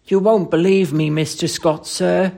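A reader voicing a young Cockney ex-soldier servant in an audiobook story, rough-spoken, emphatic and deferential. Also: medium pitch, steady tone, measured pace, darkish tone. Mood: horrified, earnest.

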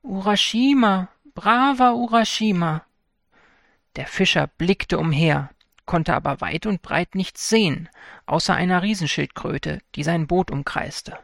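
Male audiobook narrator for fairy tales: slow, calm, gravelly, dry close-mic sound. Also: fairly high pitch, no echo.

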